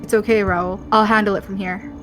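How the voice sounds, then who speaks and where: A woman's voice: mid-range voice, level tone, brisk, over music, natural voice. A woman voicing a young female vampire in a tabletop role-play game; she speaks firmly and plainly, with no accent. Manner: firm, level delivery.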